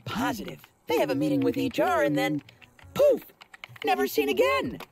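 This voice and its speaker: A robotic female office robot from a video game, nosy and chatty with a deadpan delivery. Her voice has a gravelly edge and leaps wildly between high and low notes. She sounds like a gossiping coworker, delivered with mechanical flatness. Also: normal speed, a little hiss or hum, full character voice. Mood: gossipy.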